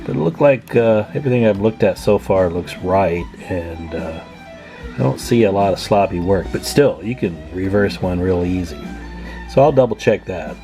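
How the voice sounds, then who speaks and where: Over clearly audible plucked guitar music, a low-voiced man talks expressively at normal speed like a hobbyist at the bench. In a casual hands-on repair walkthrough, he muses folksily and thinks out loud about what is in front of him.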